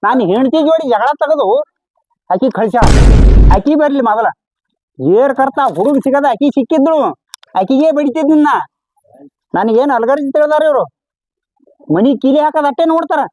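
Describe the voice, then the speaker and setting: A woman's voice: high-pitched, moderate pace, pauses often, warm tone, no echo, poor audio. A woman with a North Karnataka Kannada accent, playing a defensive, argumentative neighbour in a comedy skit. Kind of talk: scripted comedy skit dialogue.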